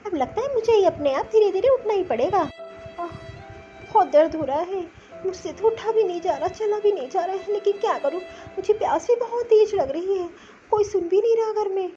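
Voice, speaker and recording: A woman's voice: very high-pitched, lively intonation, moderate pace, dark tone, soft background music. A woman voicing a weak young new mother in a cartoon story, complaining plaintively and sounding sore and tired. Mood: self-pitying. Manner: plaintive, self-pitying complaining. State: weak and sore after childbirth. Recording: slightly dull lo-fi recording.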